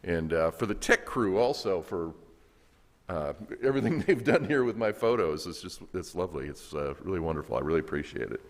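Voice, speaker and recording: Lively Southern pastor in an echoey church. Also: male voice, sits low, fairly quick. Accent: Southern American. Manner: folksy, animated, jokes with the congregation. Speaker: guest pastor. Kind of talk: sermon with humor and audience call-and-response. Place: church sanctuary.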